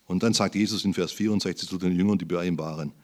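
A man preaching a sermon, swinging between emphatic loud appeals and low, quiet asides. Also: steady tone, fast talker.

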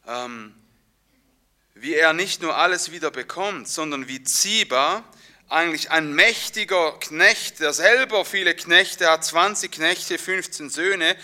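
A man preaching a sermon, telling the story vividly, moving between hushed and emphatic passages. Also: on the high side, slow pace.

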